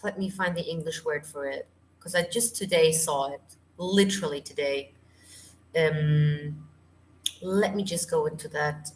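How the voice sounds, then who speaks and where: A woman's voice: sits low, measured pace, a little hiss or hum. A woman vocal coach, tired, chatting through a live Q&A and hunting for English words. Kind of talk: live stream Q&A. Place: home.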